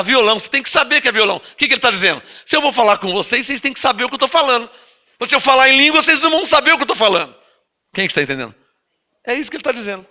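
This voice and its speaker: Speaking with a Brazilian Portuguese accent and an extremely high pitch, an apostle delivers a Bible-teaching sermon in a bright, forceful tone. He reads scripture slowly and drawn out, explains it with emphasis, and challenges the congregation through rhetorical questions.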